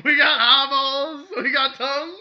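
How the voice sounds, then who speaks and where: A man's voice: extremely high pitch, steady tone, measured pace, muffled recording, pitched above the performer's own voice. A man voicing a crazed cowboy deal-hawker with an unhinged, gleeful comic sales patter. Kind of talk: comic mock sales pitch.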